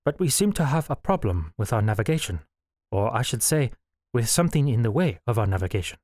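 A man's voice: mid-range voice, big pitch swings, a little fast, darkish tone, no echo, studio quality. A man voicing a young male first officer with a wry, teasing manner. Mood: earnest. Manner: smirking, playful.

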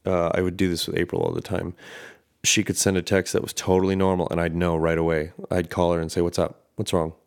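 A man with a very low voice hosts a solo podcast. He rambles in a loose, candid way and swears freely. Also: little pitch movement, brisk, gravelly. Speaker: podcast host. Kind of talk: casual solo podcast monologue.

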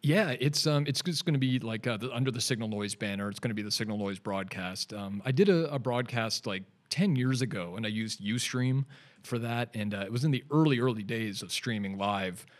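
In a brisk, mid-range voice, a digital artist in his forties with a Canadian accent rambles through a casual studio podcast interview as the guest. His talk is laid-back and loose, with many fillers and restarts.

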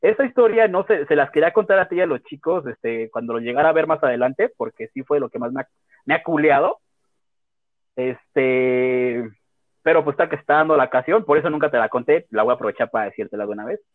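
A young Mexican man casually telling a personal story, animated and full of slang and swearing. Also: mid-range voice, quick pace, no echo. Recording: tinny phone-like audio.

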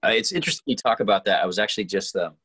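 A man with a low voice talks quickly and in loose, rambling stretches as a podcast co-host. His voice sounds close and dry, with no room echo. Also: very animated, a bit bright, husky. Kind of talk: casual chat.

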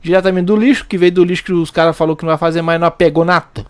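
Joking radio host, higher voice. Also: male voice, steady tone, racing, no echo. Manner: joking, loose, swears casually. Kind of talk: casual comedy radio banter.

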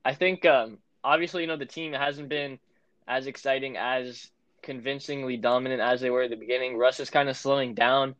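A man's voice: mid-range voice, brisk, dry recording, highs cut off. A man co-hosting a casual sports podcast, easily steering the talk to the next team. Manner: relaxed, steering the segments. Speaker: podcast co-host.

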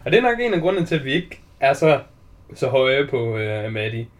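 Animated man acting out film scenes. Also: mid-range voice. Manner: animated, acts out scenes in lively quoted voices, swears freely. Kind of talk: casual podcast chat about a film.

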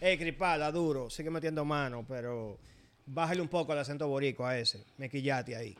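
A man's voice: medium pitch, brisk. A man giving his opinion in a casual podcast chat, offhand and laughing as he talks.

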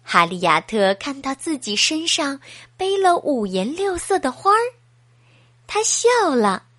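A woman reading a bedtime story aloud to a child in a slow, sing-song, animated way. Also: high voice, no echo, studio quality.

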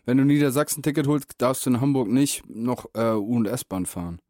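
A young man co-hosts a podcast in loose, slangy chatter, with plenty of easy banter. His voice sits at an ordinary middle pitch, and the recording is dry and close. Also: a little fast, darkish tone, no room sound. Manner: slangy, laid-back banter. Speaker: podcast co-host. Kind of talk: casual chat.

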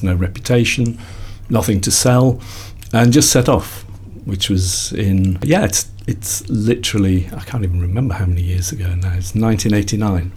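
With a fairly low, slightly rough voice that's a little mellow, a Liverpool man in his sixties recounts his path as a psychologist and company founder. It's a casual interview, and his telling is reflective and rambling, peppered with self-corrections.

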